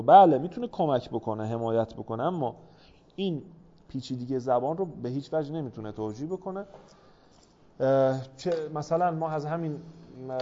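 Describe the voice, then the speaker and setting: A man's voice: mid-range voice, mellow. Lo-fi classroom lecture by a man. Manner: explains with rhetorical questions to the class. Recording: dull lo-fi recording.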